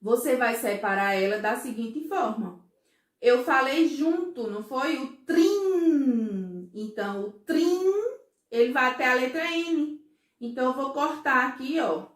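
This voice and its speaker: A woman teaching a first-grade class, explaining slowly and patiently, often checking that the children follow. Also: sits high, a bit bright, echoey room. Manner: slow, patient, syllable-by-syllable explaining; frequent checking questions to pupils. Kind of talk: recorded remote class for children.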